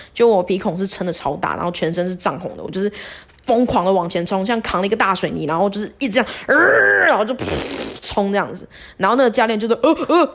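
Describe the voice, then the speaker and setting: A woman telling a personal story on a podcast, animated and self-deprecating with many fillers. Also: on the low side. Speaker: podcast host.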